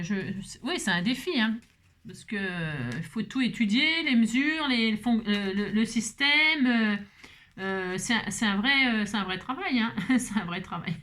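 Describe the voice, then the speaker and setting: A woman hosting a crafting tutorial, chatting to viewers as she works, with a slightly hoarse voice. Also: on the high side, a bit bright. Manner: rambling, talks to viewers while working, many fillers.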